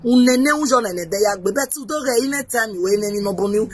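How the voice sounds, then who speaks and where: A woman hosting her own show, mocking and animated as she mixes Pidgin and English. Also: mid-range voice, quick pace, faint music behind. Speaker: host. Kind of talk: casual commentary.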